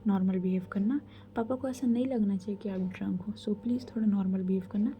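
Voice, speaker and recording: Woman putting on a nervous young woman, hushed, pleading, fretful, mellow voice. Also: mid-range voice, brisk, a little hiss or hum, close to an everyday voice. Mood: anxious. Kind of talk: storybook voice acting.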